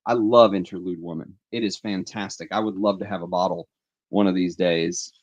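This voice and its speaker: A man's voice: sits low, fairly even intonation, moderate pace, a little mellow, lo-fi sound. A man hosting a casual livestream, chatting with enthusiasm and reading viewer comments aloud on a headset mic. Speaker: fragrance livestream host.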